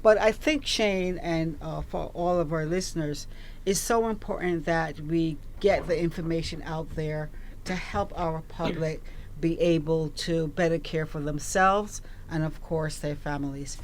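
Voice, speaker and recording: A woman in her sixties, born in Barbados, speaking as a hospital operations chief on a radio show in a composed, measured way. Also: low voice, steady tone, slight background noise. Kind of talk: radio interview guest.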